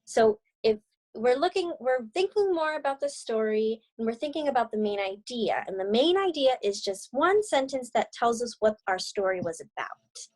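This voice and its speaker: Speaking at a normal speed with a slightly high, somewhat dark voice and lively intonation, a young woman gives children a lesson and a read-aloud. She's indoors, connected by video call.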